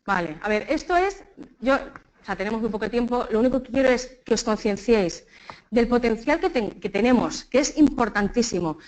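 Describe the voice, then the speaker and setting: A woman's voice: on the high side, normal speed, rough recording. A woman with a Spanish accent from Spain, giving a live public speaking talk and leading the audience through exercises, checking in with them often. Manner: lively, keeps checking in with the audience. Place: conference room with an audience.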